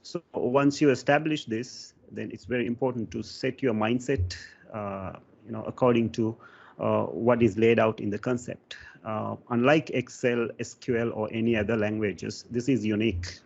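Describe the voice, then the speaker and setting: A man from Sri Lanka talks through a technical conference session in a lowish, gravelly voice. He stops often and fills the gaps with "uh". The sound is dull and lo-fi. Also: steady tone, normal speed, darkish tone. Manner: hesitant, many fillers. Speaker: conference speaker.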